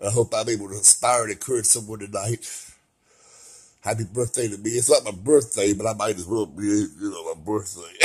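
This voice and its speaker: A man talking to his camera about his recovery, swinging between soft, slow remarks and loud bursts of laughter. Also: fairly low pitch, breathy edge. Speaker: vlogger sharing his recovery. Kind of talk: casual personal vlog.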